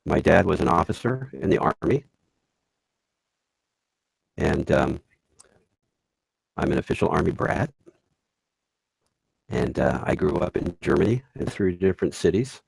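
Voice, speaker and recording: A man in his sixties, a guest on a live online call, telling his story calmly and slowly with pauses. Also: deep voice, gravelly, breathy edge, no echo. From United States. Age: 60s. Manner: calm, measured, with pauses. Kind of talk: casual interview over a live call. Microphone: online call mic.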